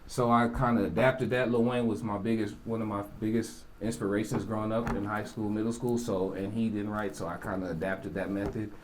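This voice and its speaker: A man from Jamaica, a rapper, talking casually in an interview, relaxed and rambling with many asides. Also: lowish voice, a little fast, hardly any pauses, slight background noise. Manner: relaxed, rambling, with frequent "you know" asides.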